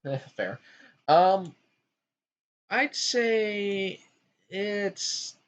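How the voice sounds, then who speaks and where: A man hosting a casual gaming chat, talking in an animated way with frequent ums. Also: high voice, extremely slow. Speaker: podcast host ranking game worlds.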